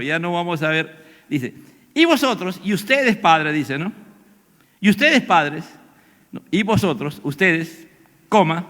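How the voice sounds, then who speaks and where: A man's voice: sits high, bright, forceful tone. An older man with a Peruvian Spanish accent preaching a sermon, asking the congregation questions and acting out quoted lines. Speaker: pastor. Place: church hall. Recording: echoey church hall.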